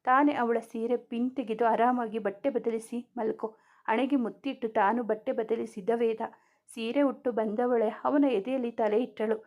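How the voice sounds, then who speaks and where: A woman narrating a serialized romance story in a steady, even storytelling voice. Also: on the high side, normal speed.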